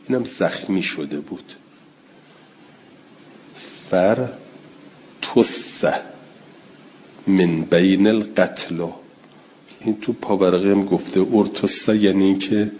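Deep-voiced man teaching a text lesson. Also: darkish tone, highs cut off, a little hiss or hum. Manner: reads out classical passages, then explains them plainly phrase by phrase; answers listeners' questions with repeated yeses and noes. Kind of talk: classroom text-study lesson.

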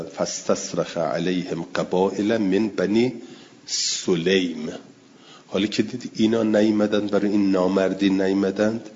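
Deep-voiced man teaching a text lesson. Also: a little mellow, dull audio, a little hiss or hum. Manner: reads out classical passages, then explains them plainly phrase by phrase; answers listeners' questions with repeated yeses and noes. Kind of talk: classroom text-study lesson.

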